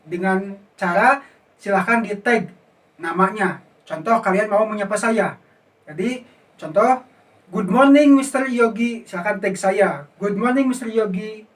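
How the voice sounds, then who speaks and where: A man's voice: high voice, unhurried, pauses often, fairly bright tone, far from the mic. A man with an Indonesian accent teaching an online English lesson, explaining patiently and running repeat-after-me drills.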